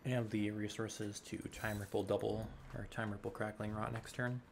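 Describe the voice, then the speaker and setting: Male gameplay commentator, low and fry-heavy, dry sarcastic ramble, home desk mic with noticeable hiss. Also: level tone, moderate pace. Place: home room.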